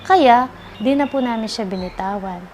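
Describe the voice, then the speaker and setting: A woman giving a soft-spoken, earnest testimonial interview, politely answering an interviewer. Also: fairly high pitch, moderate pace, slight background noise. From Philippines. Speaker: interviewee, cancer survivor. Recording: music bed underneath.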